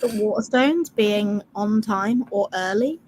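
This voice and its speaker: A woman's voice: mid-range voice, a little slow, a little mellow, rough recording. A British woman chatting casually as a livestream host, informal and dryly sweary. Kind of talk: casual chat. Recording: home livestream with faint background noise.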